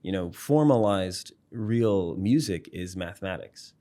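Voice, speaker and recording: Deep voiced professor guy explaining stuff casually, lots of um and like. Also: animated, measured pace, warm tone. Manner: thoughtful, explains with many fillers and restarts. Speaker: psychology professor and musician, interview guest. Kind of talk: casual explanatory interview talk.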